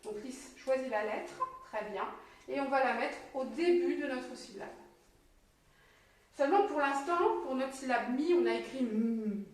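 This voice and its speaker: A woman teacher giving a slow, encouraging reading lesson to a young child, sounding out syllables clearly. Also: high voice. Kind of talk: patient early-literacy lesson. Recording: very echoey room, mic at a distance.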